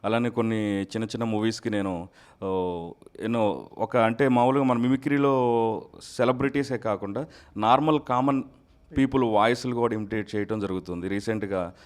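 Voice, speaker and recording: A soft-spoken man with a lowish voice, guest on an interview. He answers in a measured, polite way. He sounds like he is in a studio. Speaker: mimicry artist guest. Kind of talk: casual interview chat. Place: recording studio.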